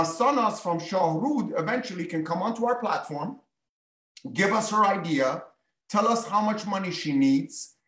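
Emphatic businessman panel guest, slightly high voice, roomy and far from the mic. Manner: emphatic, rhetorical questions. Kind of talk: panel discussion answer. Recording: echoey, distant from mic.

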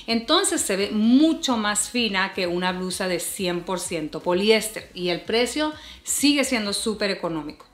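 A woman in her 40s, a fashion and beauty vlogger, gives warm, chatty style tips straight to the camera and calls her viewers "hermosas." Her medium-pitched voice is lively, at a moderate pace with hardly any pauses. She sits in front of a bed, framed at chest level by the camera, and the bedroom adds a roomy echo.

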